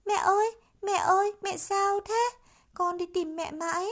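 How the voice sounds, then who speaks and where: A woman voicing a small young monkey child in a storybook, anxious and loving, with a high, loud childlike voice. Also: lively intonation, normal speed. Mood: worried.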